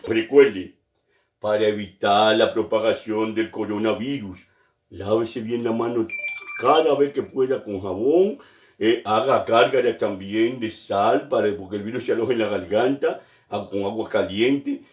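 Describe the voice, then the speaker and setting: A man telling jokes in an animated way, acting out the characters and laughing at his own punchlines. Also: fairly low pitch, a little slow, reverberant, recorded from a distance. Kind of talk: joke telling.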